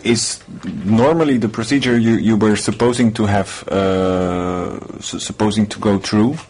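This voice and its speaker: A man hosting a radio interview in a studio, halting and repeating words as he searches for phrasing. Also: on the low side, fairly even intonation, a little mellow, slight background noise. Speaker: radio host.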